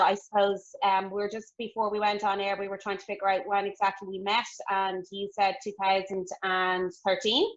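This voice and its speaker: A woman with an Irish accent hosting a casual interview, chatty and friendly, with hesitant fillers. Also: medium pitch. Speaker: host. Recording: dull lo-fi audio.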